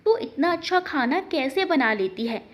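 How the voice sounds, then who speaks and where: A woman's voice: sits high, lively intonation, normal speed. A woman voicing a young male forest officer who is friendly and fond of the girl.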